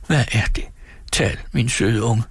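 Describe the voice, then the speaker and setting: A man's voice: medium pitch, slightly rough, no echo. A man doing a flustered, kindly old servant woman. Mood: breathless. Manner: breathless, fussy and soothing. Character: flustered, kind-hearted female servant, middle-aged.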